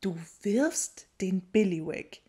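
A woman's voice: medium pitch, animated, slow, mellow, slightly rough. A woman voicing an earnest, bookish young witch who questions things with indignation. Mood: indignant.

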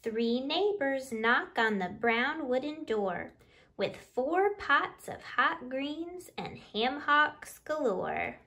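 This woman in her thirties, hosting a library storytime, reads a picture book to young listeners from a small living room by a window, positioned a few feet from the camera. Her voice sits high, bright and forceful, with lively intonation and a slow pace.

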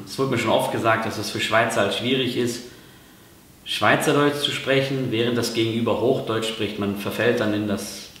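A man's voice: on the low side, a bit bright, a little hiss or hum. Guy from germany rambling thru a vlog, lots of umms, big echoey room. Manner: hesitant, lots of fillers and restarts. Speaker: vlogger. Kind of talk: casual explainer vlog.

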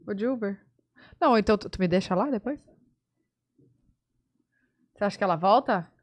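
A woman's voice: mid-range voice, moderate pace. A Brazilian woman in her thirties chatting casually as a podcast host at a close studio microphone. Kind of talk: casual chat. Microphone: close boom-arm podcast microphone.

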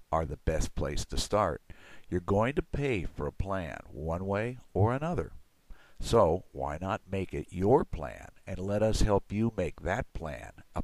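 A middle-aged man reading a scripted promotional voice-over for his pool building firm in a measured, persuasive way. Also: deep voice, gravelly, darkish tone, dry recording. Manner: measured, persuasive salesman delivery.

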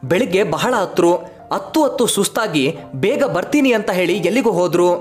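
A man's voice: sits high, expressive, moderate pace, faint music behind. A man voicing a caring, worried young wife who speaks in a soothing, earnest way. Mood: concerned.

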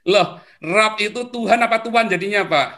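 A man's voice: high voice, moderate pace, pushed and bright. A man in a heated debate, pressing persistent questions politely.

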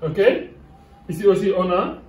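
A man's voice: high voice, steady tone, normal speed, distant mic. A man from Senegal with a Senegalese French accent, whose first language is Wolof, teaching English grammar at a whiteboard, switching between French and English and checking in with "okay?". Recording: roomy sound from away from the mic.

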